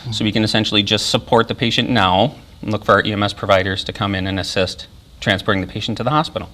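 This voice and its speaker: A man's voice: fairly low pitch, fairly even intonation, quick pace, pushed and bright. An American man, an emergency services coordinator, giving a procedural instructional demonstration and explaining each step.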